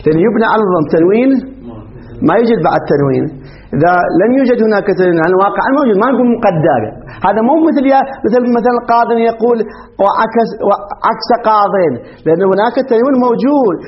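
A man's voice: sits high, lively intonation, very fast. A man teaching a grammar lesson, firing questions at his class and laughing often. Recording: dull lo-fi classroom recording.

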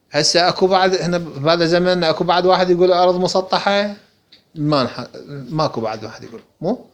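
A man with an Iraqi accent giving a religious lesson, explaining a book and answering his own questions. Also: on the high side. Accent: Iraqi Arabic. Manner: rhetorical questions answered himself. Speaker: religious teacher. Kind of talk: lecture explaining a text.

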